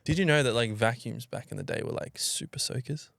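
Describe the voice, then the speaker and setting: A man telling stories in a relaxed way as a podcast co-host, swearing casually. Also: medium pitch, brisk, gravelly, no room sound, clean studio sound. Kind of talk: casual storytelling chat.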